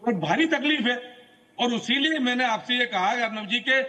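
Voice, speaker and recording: A man's voice: extremely high pitch, expressive, normal speed, pushed and bright, big-room sound. A man from central India speaking as a party spokesperson in a heated TV debate, emphatic and defensive, repeating his phrases.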